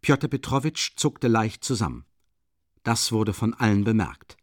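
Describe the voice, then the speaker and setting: A man narrating a classic novel in a measured, expressive storytelling manner. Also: fairly low pitch, no room sound, clean studio sound. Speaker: audiobook reader. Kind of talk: scripted literary narration.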